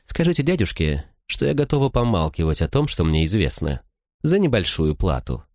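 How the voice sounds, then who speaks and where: A man's voice: sits low, very animated, normal speed, a little mellow, no room sound, studio quality. A man voicing a sly, smug noblewoman who gossips and schemes, talking condescendingly in an audiobook. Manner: chattering, condescending.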